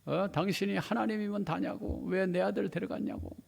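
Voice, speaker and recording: A man's voice: sits high, normal speed, creaky, slightly rough, pitched above the performer's own voice, exaggerated voice. A man voicing a middle-aged drunken father who, grief-stricken, hurls accusations at God. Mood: anguished raging. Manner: shouting accusations, slurred with grief.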